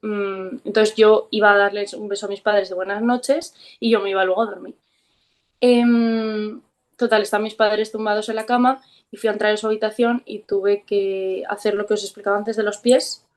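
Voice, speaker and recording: A woman with a Spain Spanish accent, a guest telling her own story in an interview in a frank, reflective way with soft hesitations. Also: medium pitch, steady tone, moderate pace. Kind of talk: candid personal storytelling.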